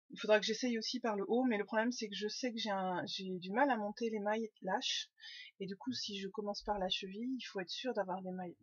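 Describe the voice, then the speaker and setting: A woman's voice: mid-range voice, slightly rough, no room sound, lo-fi sound. A woman hosting a knitting podcast, chatting casually to her webcam at home, rambling with lots of fillers and restarts. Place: home room.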